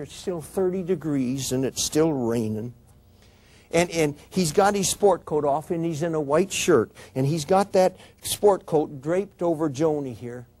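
A police officer giving an emotional talk to an audience, telling a story with repeated restarts and direct appeals to "people". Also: male voice, on the high side, darkish tone, husky.

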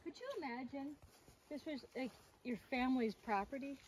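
A woman's voice: high voice, moderate pace, poor audio. A middle-aged woman chatting on a forest hike, explaining what she sees and wondering aloud, recorded outdoors. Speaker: hiking companion. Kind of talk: casual hiking chat.

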